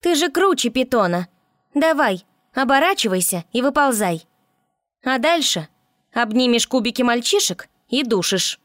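A woman's voice: on the high side, sing-song, normal speed, a bit bright, no echo, studio quality, pitched above the performer's own voice. A woman reading an audiobook voices a bossy, scolding female water spirit in a raised voice. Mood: impatient.

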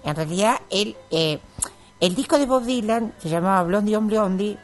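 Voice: mid-range voice, normal speed, natural voice. A performer voicing a naive, childlike grown man of tiny size, earnest and rambling, with a Rioplatense Argentine accent, in an improvised radio comedy sketch. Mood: chatty. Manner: earnest, rambling, matter-of-fact about absurd claims. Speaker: comedy character guest.

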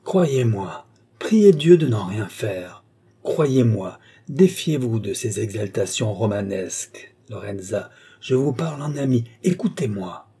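A man reading an audiobook and voicing a calm, commanding male mystic who talks to his wife in a measured, gently menacing way. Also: medium pitch, slightly rough. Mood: stern.

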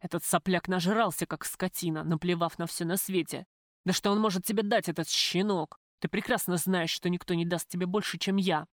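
Brief: woman narrator doing a gruff, bossy middle-aged father for an audiobook; scolding, contemptuous, commanding, in a close dry read. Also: fairly low pitch, fairly even intonation, fairly quick, dry recording, close to an everyday voice.

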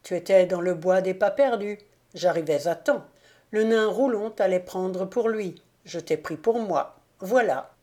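A woman's voice: lowish voice, unhurried, darkish tone, lightly acted. A woman reading as a sly, mocking little hunchbacked devil. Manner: sly, ironic.

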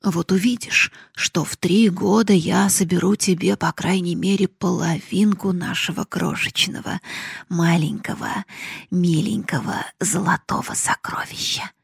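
Woman doing a greedy old miser, audiobook, husky gravelly voice, slow. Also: high voice, fairly even intonation, no echo, clean studio sound, full character voice. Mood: wheedling. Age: older. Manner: coaxing then bellowing, whispers about gold. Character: miserly old male cooper, greedy, wheedling and tyrannical. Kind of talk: audiobook reading.

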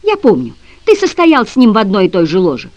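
A woman reading aloud, voicing a stern young gentleman detective who speaks forcefully and growls his demands. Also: medium pitch, huge pitch swings, quick pace, no room sound. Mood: threatening. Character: stern commanding young male gentleman sleuth. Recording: dry, slightly dull audio.

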